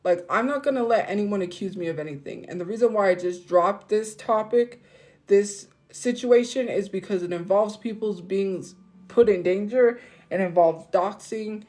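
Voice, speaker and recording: A woman's voice: mid-range voice, moderate pace, a little mellow, rough recording. A woman on a phone live stream, venting and defending herself to her viewers in a casual, heated way.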